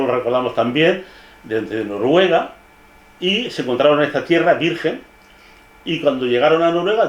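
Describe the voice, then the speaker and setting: Older male painter, mid pitch, casual storyteller, halting restarts, echoey library room. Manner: digressive, halting, with frequent restarts and asides. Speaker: painter presenting his book. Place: public library hall.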